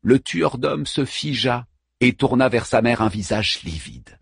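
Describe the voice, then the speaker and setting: A man narrating an epic tale in dramatic, expressive audiobook style. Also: mid-range voice, a little slow, gravelly, husky, no echo, studio quality.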